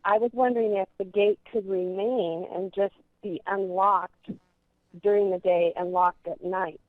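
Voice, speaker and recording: A woman's voice: medium pitch, steady tone, a little slow, dry recording. Woman calling in on a tinny phone line. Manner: hesitant, reading written questions. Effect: over the phone, on speakerphone. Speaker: caller. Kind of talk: call-in question.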